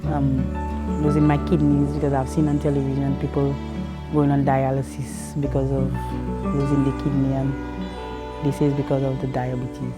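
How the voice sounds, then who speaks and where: A woman's voice: rumbling low, monotone, moderate pace. A woman with a Saint Lucian accent giving a plain-spoken, candid personal testimony. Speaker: interviewee, mother and patient. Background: music under the voice.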